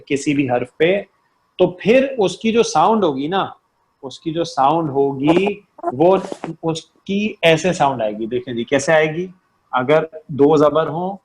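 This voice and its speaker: A man with a slightly higher than average voice leads an online recitation lesson. He explains patiently and drills each letter sound by repeating it several times. He keeps stopping to check that his students understand. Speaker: Arabic and Quran recitation teacher. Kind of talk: online class lecture.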